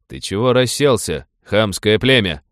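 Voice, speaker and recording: A man voicing an arrogant, hot-tempered young nobleman among cossacks, shouting sneering insults in an audiobook. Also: on the low side, animated, unhurried, no echo, clean studio sound.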